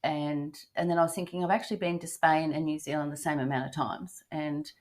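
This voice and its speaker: Older Australian woman, podcast co-host, chatty and warm-paced with lots of ums, lower-pitched voice. Cast a grandmother type who laughs easily. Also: fairly even intonation, fairly quick. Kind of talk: casual travel podcast chat.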